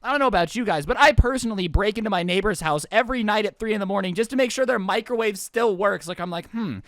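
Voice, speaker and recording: A man's voice: high-pitched, quick pace, fairly bright tone, dry recording, clean studio sound. A man telling a story to his channel in a casual, comic way, full of sarcastic, rambling asides. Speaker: storytime vlogger.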